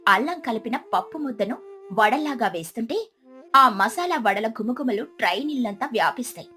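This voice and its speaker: The narrator is a woman telling a scripted story for children, using an expressive, storytelling manner in a fairly high voice.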